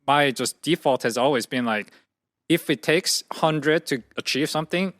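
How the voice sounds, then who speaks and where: A man's voice: on the high side, moderate pace, fairly bright tone, no room sound, clean studio sound. A young man, a guest telling his story thoughtfully in a casual interview, with many fillers and restarts. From South Korea. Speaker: guest, entrepreneur.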